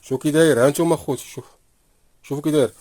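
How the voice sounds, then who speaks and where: In his workshop, a man with a Moroccan Arabic accent casually shows off a sewing machine, talking to viewers as he sews and saying "here you go brothers" again and again. His voice is a little high and mellow, very fast with fairly even intonation, and the close-held phone camera picks up a little hiss or hum.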